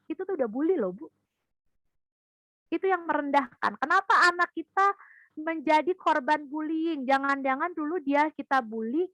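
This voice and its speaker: Lively storytelling woman, dry close sound. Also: high-pitched, no echo, rough recording. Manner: lively storytelling, addressing parents directly. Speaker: parenting speaker. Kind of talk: parenting talk in an online seminar.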